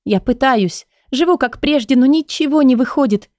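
A woman's voice: high voice, normal speed, a little mellow, dry recording, studio quality, pitched above the performer's own voice, close to an everyday voice. A woman voicing a young heroine desperately in love, pleading in a raised, emotional voice.

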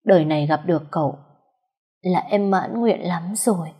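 A frail, dying young wife speaks softly and weakly, read by a woman in a warm, husky voice. The storybook farewell is slow and selfless. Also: on the low side. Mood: tender.

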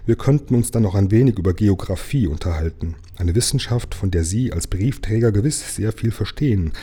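A man reading aloud, voicing a pompous, formal gentleman in a children's story. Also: on the low side, lively intonation, a little fast, husky. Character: pompous, learned older gentleman neighbor.

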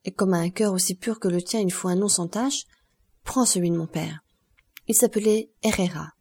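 A woman reading the part of a devoted aristocratic mother, speaking tenderly and gravely. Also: fairly low pitch, normal speed, darkish tone. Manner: tender, pleading.

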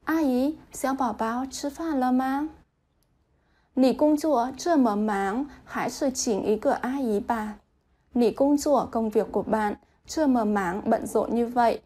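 Mellow-voiced woman teaching vocabulary. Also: a little high. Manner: reads example sentences slowly, then translates. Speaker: Chinese language teacher. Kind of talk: vocabulary lesson with example sentences.

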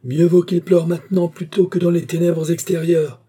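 A man's voice: a little high, level tone, normal speed, warm tone, breathy edge, voice pushed up. A man reading an audiobook, voicing an indignant plump mother scolding a stranger. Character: plump fresh-faced woman, scolding mother.

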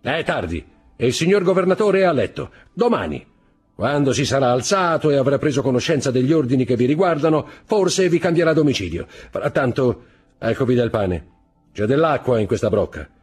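A man reading aloud voices a short, shabby male jailer who speaks in a brisk, businesslike way. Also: medium pitch, expressive, a little mellow, husky, faint music behind, pitched above the performer's own voice. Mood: matter-of-fact.

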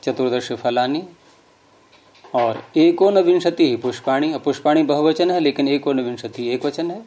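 A man's voice: mid-range voice, unhurried, mellow. A middle-aged man teaching a grammar class, explaining patiently and quizzing his students. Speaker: Sanskrit teacher.

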